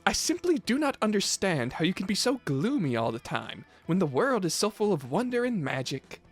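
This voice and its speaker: A man's voice: high voice, big pitch swings, normal speed, soft background music, pitched above the performer's own voice. A man voicing a haughty, cheery young princess who gushes with wonder. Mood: haughty cheer. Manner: gushing, wonder-struck.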